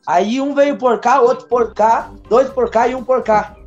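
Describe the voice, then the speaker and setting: A man's voice: very high voice, unhurried. A man from Paraná, telling a childhood story in a casual podcast chat, acting out the voices in it. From Paraná, Brazil. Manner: animated storyteller, acts out voices in anecdotes. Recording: dull recording with faint music.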